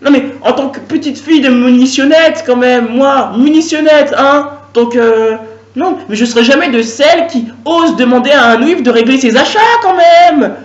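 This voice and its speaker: A man puts on a shrill, pompous woman cashier who scolds and lectures. Her voice sits high and sharp. The recording sounds roomy and a bit dull and lo-fi. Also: moderate pace. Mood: scolding.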